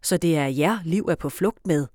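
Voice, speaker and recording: A woman voicing a kind old grandfather in a storybook reading, speaking calmly and gently, low and unhurried. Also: no echo, clean studio sound. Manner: calm, gentle.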